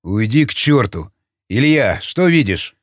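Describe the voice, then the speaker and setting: A man's voice: medium pitch, very animated, measured pace, dry recording, clean studio sound. A man voicing a curt, commanding pilot who barks orders, read in an audiobook. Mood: tense barking. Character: gruff tense male pilot, curt and commanding. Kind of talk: audiobook character voice.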